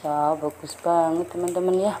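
A woman walks through a toy stall filming on her handheld phone, calling out excitedly and repetitively to viewers she treats as friends about each toy. Her mellow voice sits on the low side, with fairly even intonation and normal speed, and there's slight background noise.

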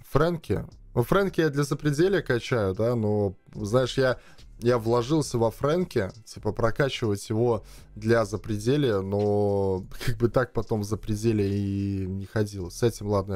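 Framed by a webcam and wearing a headset, a young man streams a mobile game from a small room, casually thinking aloud and chatting with viewers. His fairly low, darkish voice moves at a moderate pace, and the recording is dry and close, with faint music behind.

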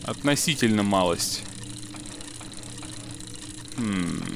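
A man's voice: fairly low pitch, animated, drawn-out words, noisy background. A man playing a puzzle game with a friend, chatting casually and muttering mild curses as he works things out. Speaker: let's play gamer. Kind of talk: casual co-op gameplay chat.

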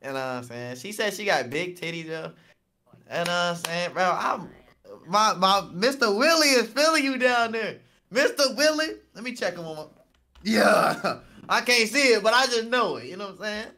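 A young man in casual, slangy livestream banter over a voice chat call, excitable, laughing and swearing. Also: high-pitched, normal speed, a little hiss or hum. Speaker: blindfolded date on a livestream.

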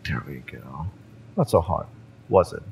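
For a scripted romance audio roleplay, a man plays a fiery mercenary who is cocky, exasperated, and menacing yet familiar. His exaggerated voice is low, a little mellow, and edged with vocal fry, delivering slow, drawn-out, sardonic taunts over slight background noise.

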